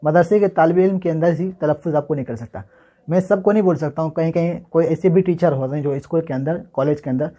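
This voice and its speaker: A man's voice: fairly high pitch, dark tone. A man with a slightly raised voice gives a casual writing lesson. He spells words out letter by letter, says them again and again, and asks and answers his own questions as he teaches. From Bihar, India. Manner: repeats words slowly, asks and answers himself. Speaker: Urdu handwriting teacher.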